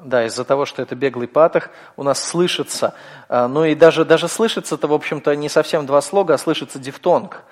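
A man's voice: a little high, a little fast, big-room sound. A man teaching a class, explaining step by step in a patient manner with frequent hesitations. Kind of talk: classroom lecture.

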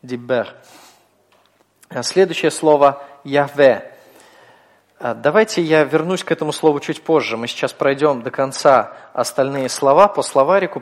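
A man's voice: mid-range voice, in a large hall. A man teaching a class, explaining step by step in a patient manner with frequent hesitations. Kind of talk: classroom lecture.

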